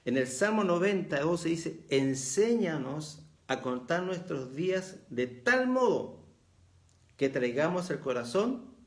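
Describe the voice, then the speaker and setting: A man's voice: on the high side, sing-song, slow. A middle-aged man with a Chilean accent, preaching a reflective sermon and rising in emphasis as he reads verses aloud. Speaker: pastor.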